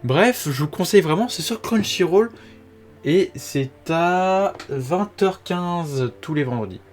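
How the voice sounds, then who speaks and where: A man's voice: a little high, slow pace, faint music behind. A young man casually reviewing seasonal anime, slangy and full of fillers, sometimes swearing, reading plot summaries aloud. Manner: informal and slangy, many fillers, occasional swearing; reads synopses aloud in a flatter voice. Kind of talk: casual video commentary.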